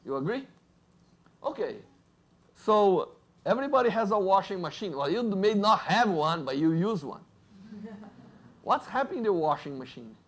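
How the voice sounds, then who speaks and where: A man with a Brazilian Portuguese accent, a native Portuguese speaker, giving a lively university physics lecture and joking with the audience. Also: sits high, normal speed, long pauses. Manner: lively, jokes with audience, asks "right?".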